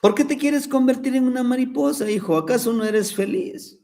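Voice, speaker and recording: A man's voice: very high-pitched, a little fast, creaky, dark tone, pitched above the performer's own voice. A man voicing a tired, overworked father caterpillar. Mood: weary. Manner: weary, sighing.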